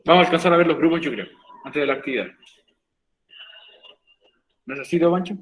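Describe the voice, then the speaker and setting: A male teacher with a slightly high voice walks students through a grammar rule, patiently repeating each step. The recording carries the echo of a bare room. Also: brisk. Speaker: English teacher. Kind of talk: virtual class explanation in Spanish. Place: room, recorded for an online class.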